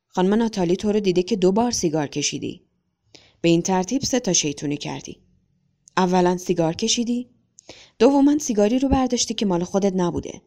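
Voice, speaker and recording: Stern lawyer father, measured scolding, storybook reading by a woman, dark voice. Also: mid-range voice, natural voice. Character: stern lawyer father, lecturing his son.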